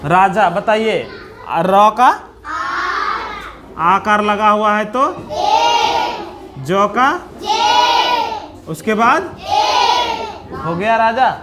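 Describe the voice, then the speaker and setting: Bihari-accented man, primary-school teacher, slow and patient, breaks words into single sounds. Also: high-pitched, over music. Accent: Bihari Hindi. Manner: patient, spells out letters and sounds one by one. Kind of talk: slow classroom explanation for young children.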